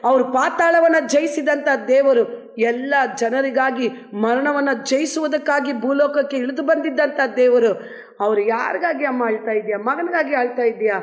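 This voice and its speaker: A woman pastor preaching a devotional sermon and leading prayer in an earnest, repetitive way. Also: high voice. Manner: earnest, repetitive address to listeners.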